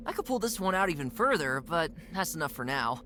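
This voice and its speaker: A woman's voice: low voice, big pitch swings, fairly quick, a bit bright, a little hiss or hum. A woman voicing a young adventurer heroine in a game, talking to herself with wry asides. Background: game music.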